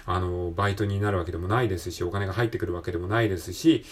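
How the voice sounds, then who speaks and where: A man from Japan speaks very fast in a low voice with fairly even intonation, hosting a podcast on his own. His talk is casual and motivational, conversational and encouraging, and he frequently asks for the listener's agreement.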